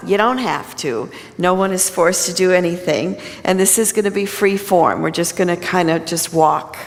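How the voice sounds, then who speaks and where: A woman minister giving a conversational sermon at a pulpit microphone in a church. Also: medium pitch. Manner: conversational, plain-spoken. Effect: speaking at a pulpit microphone. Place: church sanctuary. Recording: long reverb of a large hall.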